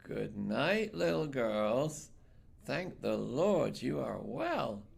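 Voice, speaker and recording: A man's voice: mid-range voice, big pitch swings, drawn-out words, gravelly, slightly rough, exaggerated voice. A man voicing an anxious, kindly woman who looks after little schoolgirls, in a theatrical, earnest storybook manner. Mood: relieved, firm.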